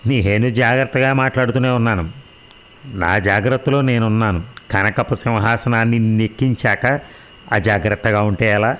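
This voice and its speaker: A man's voice: lowish voice, moderate pace, a bit bright, clear, resonant tone, lightly acted. A man voicing a proud, sarcastic rich young wife in a read-aloud story, mocking and defiant. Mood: cold. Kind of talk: audio drama reading.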